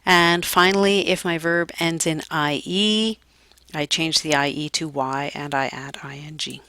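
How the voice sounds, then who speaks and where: A woman teaching an English grammar lesson, explaining clearly and deliberately, with dry little jokes. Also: sits low, fairly even intonation, sharp tone, dry recording.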